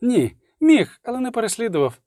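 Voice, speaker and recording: A man voicing an excitable, talkative man who rushes through grim news. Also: very high voice, no room sound, studio quality, pitched above the performer's own voice. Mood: agitated.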